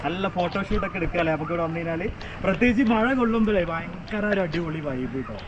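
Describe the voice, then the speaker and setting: A man's voice: fast, muffled recording. A man presenting a casual, enthusiastic travel vlog outdoors, mixing English words into Malayalam as he urges viewers to visit. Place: outdoor adventure park in the rain. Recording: noisy outdoor ambience with traffic-like rumble.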